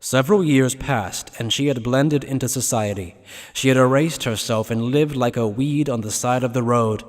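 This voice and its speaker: Man, scripted anime story narration, mid-range pitch, long echoing reverb. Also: normal speed. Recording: long reverberant hall effect.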